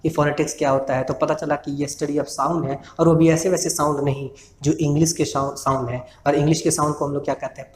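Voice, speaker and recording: A male teacher giving an online English grammar lecture in Hindi. He asks his class questions and then answers them himself. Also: a little high. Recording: echoey room with faint noise.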